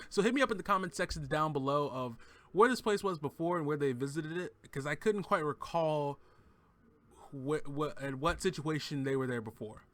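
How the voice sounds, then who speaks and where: A man giving a casual, enthusiastic spoken review of a TV episode, rambling and often restarting his sentences. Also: a little high. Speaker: TV show reviewer.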